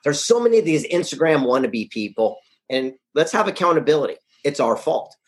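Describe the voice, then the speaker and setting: A man's voice: on the high side, sing-song, fairly quick. A man being interviewed as a guest, talking in an upbeat, punchy and blunt way. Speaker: guest, author and event founder. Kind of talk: casual interview talk. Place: Carlsbad, California.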